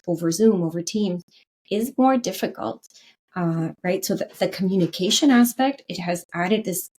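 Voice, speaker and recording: A podcast guest and leadership consultant, this Canadian woman speaks Canadian English in a fairly low, slightly mellow voice. Earnest throughout the interview, she keeps checking in with "right?" and often restarts her sentences.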